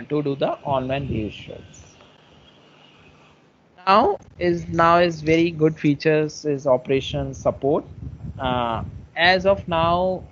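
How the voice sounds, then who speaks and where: A man presenting software features in an online webinar. He explains each step in turn and often restates his phrases. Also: on the high side. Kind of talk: online product webinar walkthrough. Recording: muffled webinar audio with faint noise.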